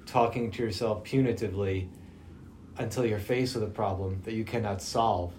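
This podcast host talks casually through a face mask, so his low-ish, slightly mellow voice comes out a bit muffled. He keeps a steady tone at a moderate pace. The socially distanced setup picks up noticeable background noise.

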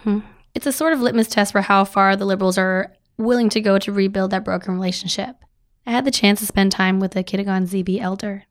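A woman's voice: mid-range voice, fairly even intonation, fast. A woman reporter with a scratchy voice from a cold, explaining a story in conversation. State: hoarse from a cold.

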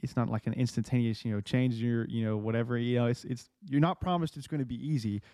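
Mellow-voiced man hosting a faith podcast. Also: medium pitch, fairly even intonation, quick pace, no room sound, clean studio sound. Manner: casual, filler-heavy with many "like" and "man". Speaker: podcast host. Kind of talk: casual faith podcast talk.

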